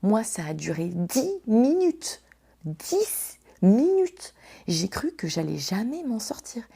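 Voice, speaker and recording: A woman hosting a casual storytelling podcast, slangy, swearing and animated as she talks to her listeners. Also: mid-range voice, measured pace, creaky, husky. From France. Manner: slangy and swearing, addresses listeners as "les gars". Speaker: podcast host.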